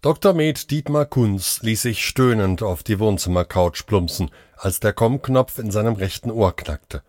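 Low-voiced male audiobook narrator. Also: darkish tone, no room sound, studio quality. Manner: measured, storytelling.

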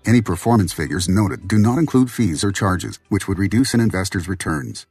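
A man's voice: lowish voice, fairly quick, creaky, a little mellow, breathy edge, no room sound, soft background music. A man reading a scripted legal disclaimer in a formal, unbroken announcer's delivery.

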